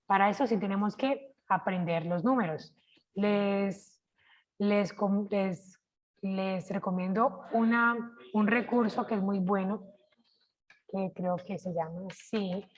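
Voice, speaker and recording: Una maestra colombiana con acento de su tierra dicta una clase virtual de francés. Su voz femenina, de altura media, avanza sin prisa, con pausas para preguntar si el grupo entiende y repeticiones lentas de cada expresión. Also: female voice, medium pitch, muffled recording, slight background noise. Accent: Colombian Spanish. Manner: slow, careful pronunciation of French examples; checks in with frequent "¿cierto?". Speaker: French teacher. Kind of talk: online class, sharing screen.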